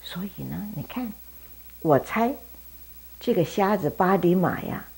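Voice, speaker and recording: A woman teaching Sunday school, telling a Bible story in a lively way and talking directly to the children. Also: fairly low pitch, measured pace, creaky.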